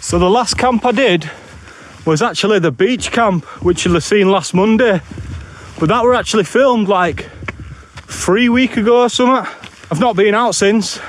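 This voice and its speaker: A man with a Bradford, West Yorkshire accent, chatting casually and bluntly in northern dialect for a solo camping vlog. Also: high voice. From Bradford, West Yorkshire, England. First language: English. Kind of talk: casual walking vlog chat. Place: outdoors on open moorland, walking. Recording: outdoor background noise while walking.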